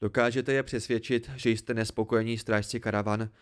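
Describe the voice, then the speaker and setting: A man's voice: lowish voice, steady tone, clean tone, voice pushed down, lightly acted. A man reading the lines of a blunt, practical woman mercenary in an audiobook, doubtful and questioning.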